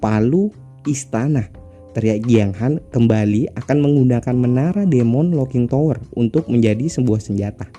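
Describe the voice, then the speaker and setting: A man's voice: medium pitch, normal speed, hardly any pauses, warm tone, faint music behind. A man narrating a comic story recap casually, with explanatory asides to listeners.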